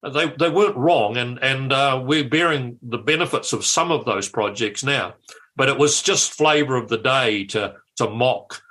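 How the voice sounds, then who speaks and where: An older man tells stories on talk radio. His voice is bright and forceful, and his delivery is animated, with words often repeated. His pitch sits in an average range. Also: moderate pace. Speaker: radio guest, former MP.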